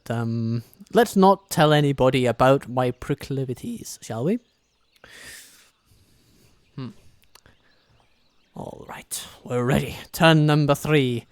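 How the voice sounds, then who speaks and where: A man's voice: mid-range voice, clear, resonant tone, no echo, clean studio sound. A man hosting his show and chatting through a strategy game, thinking aloud with self-deprecating humor. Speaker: host and strategy game player. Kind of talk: casual gameplay commentary.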